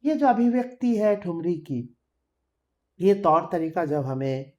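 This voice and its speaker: A woman who is a classical singer, explaining thumri in a thoughtful, measured way with frequent hesitant fillers. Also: on the low side, very animated, a little mellow, highs cut off. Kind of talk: explanatory talk with sung examples.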